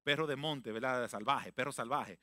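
A man preaching a sermon emphatically, repeating phrases and swinging between loud declarations and hushed, reflective passages. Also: medium pitch, moderate pace, dry recording, studio quality. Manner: mixes in English phrases.

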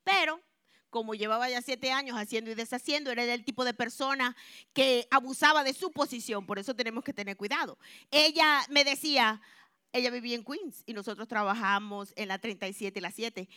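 A woman giving a religious testimony to a congregation, telling her story expressively and moving between hushed and loud. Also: a little high, brisk, clean tone, no room sound, clean studio sound. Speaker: church member giving a testimony.

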